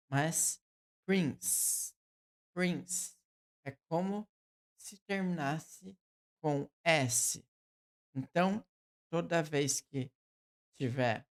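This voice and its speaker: A man with a Brazilian Portuguese accent teaching English pronunciation, repeating each word slowly for the learner. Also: a little high. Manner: repeats words slowly for drills. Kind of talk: pronunciation lesson.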